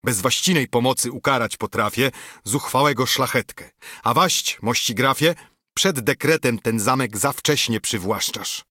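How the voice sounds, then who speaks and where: A man voicing a grey-haired old noble chamberlain who scolds loudly and sternly, with a slightly husky voice. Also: mid-range voice, moderate pace, no room sound, studio quality. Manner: loud, indignant rebukes.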